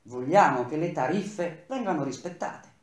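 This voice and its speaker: A man's voice: a little high, lively intonation, moderate pace, lightly acted. A man voicing a determined male bricklayer who speaks firmly and earnestly for his fellow strikers. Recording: very echoey room.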